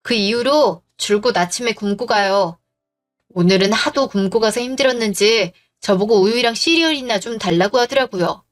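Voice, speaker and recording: A woman's voice: mid-range voice, moderate pace, faint music behind. A woman narrating a first-person story in a firm, composed way. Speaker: narrator and wife.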